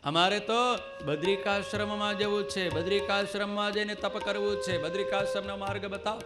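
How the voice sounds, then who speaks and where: A man doing a calm, commanding divine ascetic. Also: high-pitched, fairly quick, lightly acted. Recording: clear devotional music with tabla behind.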